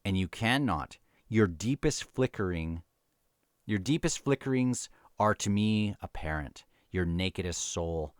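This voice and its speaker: A man's voice: on the low side, expressive, measured pace, dry recording, studio quality. A man voicing a cunning old evil emperor from a novel, with archaic, taunting phrasing. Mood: gloating.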